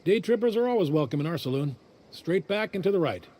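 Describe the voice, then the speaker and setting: A folksy frontier saloon greeter. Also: male voice, high-pitched, very animated, fast talker, mellow. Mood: welcoming. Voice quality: folksy, welcoming salesman patter. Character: friendly male saloon greeter on a frontier colony.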